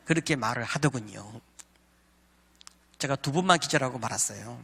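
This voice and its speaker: A man's voice: medium pitch, moderate pace, vocal fry, breathy edge, in a large hall. A middle-aged man, a professor, giving a lecture on marriage and telling a personal story, acting out his own thoughts as he goes. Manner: animated storyteller, acts out inner thoughts.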